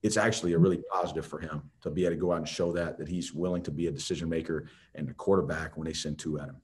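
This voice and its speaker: At a post-game press conference, a male head basketball coach talks conversationally with reporters, often restarting. He has a rumbling low voice with a steady tone and a racing pace.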